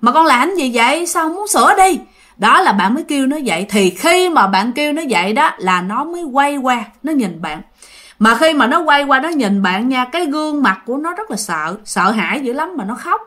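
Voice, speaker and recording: A woman tells a ghost story in a casual, chatty way, turning to her listeners as she goes. Her voice sits high and swoops up and down a great deal. She acts out the voices of the people in the story. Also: sing-song, normal speed, fairly bright tone.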